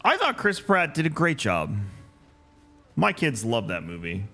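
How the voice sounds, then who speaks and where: A man's voice: mid-range voice, huge pitch swings, measured pace, pushed and bright. A man streaming a game, chatting casually and thinking aloud with jokes. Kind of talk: casual gameplay commentary.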